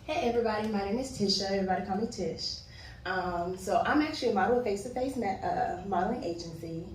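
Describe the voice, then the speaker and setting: A woman's voice: medium pitch, quick pace. A woman in her twenties from Miami, a model, chatting casually as a guest and laughing often. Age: 20s. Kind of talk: casual chat. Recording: echoey room, far from the mic, faint noise.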